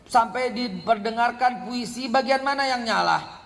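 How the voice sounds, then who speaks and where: An animated middle-aged man delivers a parenting sermon, his voice sitting high for a man. He drops into quiet asides, then bursts into loud scolding. The sound carries a long echo, as in a large hall. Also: a little slow, creaky. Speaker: preacher. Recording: echoey hall reverb.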